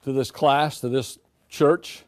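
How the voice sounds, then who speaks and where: An older man with a medium-pitched voice slowly teaches a scripture class. He quizzes his students and repeats words when he gets excited.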